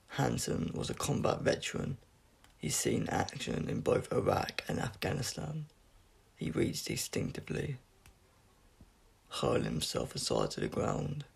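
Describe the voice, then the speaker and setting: A man with a fairly low, gravelly, husky voice reads a science fiction story aloud as an audiobook narrator. His scripted delivery sounds unpolished and amateur.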